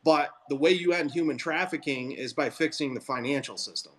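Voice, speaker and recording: A man's voice: on the high side, fairly quick. A man hosting a casual group voice call, talking in a rambling, opinionated way and breaking off his own sentences. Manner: rambling, self-interrupting, opinionated. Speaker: host of a Twitter Spaces call.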